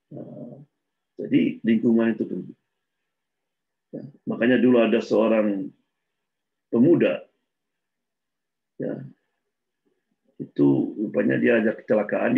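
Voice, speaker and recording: A man's voice: on the low side, gravelly. A man preaching in a casual religious talk, telling stories and acting out the dialogue with a laugh between points. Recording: dull lo-fi recording.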